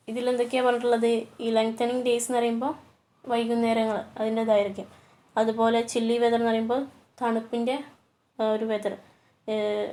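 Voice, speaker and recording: A woman gives a poetry lecture. Her voice sits a little high, and her delivery is slow overall. She reads the English lines deliberately and hesitates over her explanations. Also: a little mellow. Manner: hesitant, with many fillers. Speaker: teacher.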